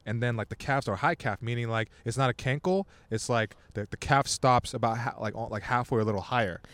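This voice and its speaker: A man in his thirties joins a casual podcast as guest, blunt and profane, breaking into loud laughter. His voice sits mid-range and is recorded dry and close. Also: mid-range voice, brisk, no echo. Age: 30s. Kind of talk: crude casual chat.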